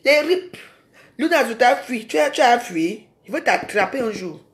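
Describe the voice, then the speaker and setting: A woman's voice: a little high, animated, normal speed, slight background noise. A woman ranting in a live social media video. She is confrontational and scolding and keeps firing rhetorical questions at her viewers.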